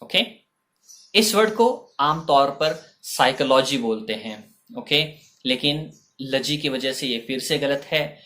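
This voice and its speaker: A man with an Indian accent teaching vocabulary, slowly drawing out each word and repeating it, with "ok" between points. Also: medium pitch, animated, sharp tone. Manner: slow, drawn-out spelling of each word. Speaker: language teacher. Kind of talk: bilingual vocabulary lesson.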